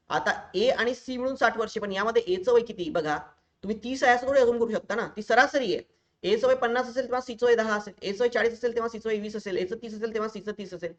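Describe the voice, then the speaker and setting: Fast-talking male exam-prep teacher. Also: high voice, highs cut off. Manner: explains step by step, addressing students directly. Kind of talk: recorded online lecture.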